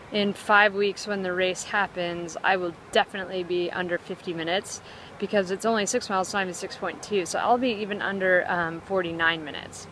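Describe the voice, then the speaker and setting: A woman's voice: fairly low pitch, slight background noise, rough recording. Chatty upbeat woman vlogging outdoors. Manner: chatty, full of "like" and "um" fillers; excitable and upbeat. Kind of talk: casual vlog chat. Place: outdoors by a river.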